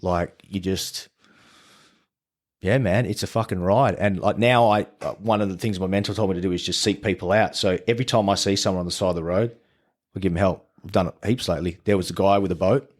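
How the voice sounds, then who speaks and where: Low-voiced Australian man telling stories. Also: fairly quick. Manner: swears freely, animated retelling of conversations. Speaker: podcast guest. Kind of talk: casual storytelling.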